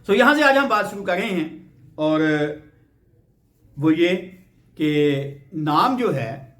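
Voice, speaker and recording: A man's voice: high voice, animated, fairly bright tone. A man from Pakistan giving a Bible teaching lecture, explaining step by step and checking in with rhetorical questions. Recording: roomy echo.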